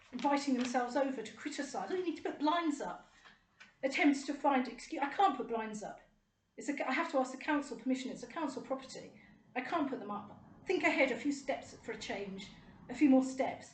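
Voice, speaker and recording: A middle-aged woman talks straight to camera in a high voice. Her delivery is indignant and rambling, with a sarcastic edge. The recording carries a roomy echo. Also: darkish tone, slight background noise. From United Kingdom. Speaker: vlogger. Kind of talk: personal monologue to camera.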